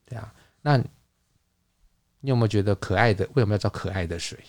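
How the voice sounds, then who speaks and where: Male podcast host, lowish voice, patient lecturer, dry close sound. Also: quick pace, no echo. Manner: explanatory, lecturing with fillers and restarts. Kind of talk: casual conversational podcast.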